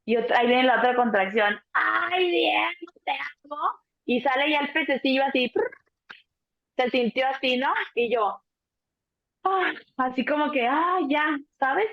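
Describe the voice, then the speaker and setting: Lively Mexican woman telling her story. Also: sits high, moderate pace. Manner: animated storyteller, acts out voices, swears casually. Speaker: doula, co-host. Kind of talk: casual conversation. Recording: dull lo-fi sound.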